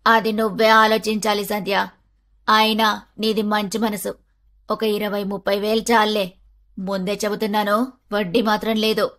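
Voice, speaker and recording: A woman voicing a greedy older neighbor woman in an animated storybook, coaxing and cajoling for money. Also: mid-range voice, moderate pace, long pauses, close to an everyday voice. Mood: wheedling.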